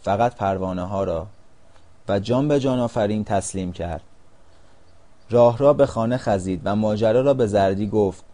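Man reading a storybook aloud, calm and measured, lowish mellow voice. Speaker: narrator. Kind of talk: storybook narration.

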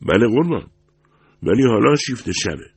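A man voicing a big, calm diner manager with a deep voice, speaking politely and formally. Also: husky, dry recording.

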